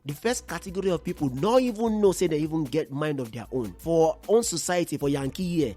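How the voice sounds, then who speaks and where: A man's voice: a little high, a little mellow, husky. A man with a Nigerian accent hosting a podcast in a conversational monologue, speaking Nigerian Pidgin. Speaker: podcast host.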